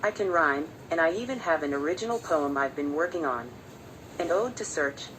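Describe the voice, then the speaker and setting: A synthetic woman's voice working as a voice assistant, giving answers in a polite, measured, evenly articulated way. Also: sits low, animated, a bit bright, slight background noise, poor audio. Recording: music playing over the voice.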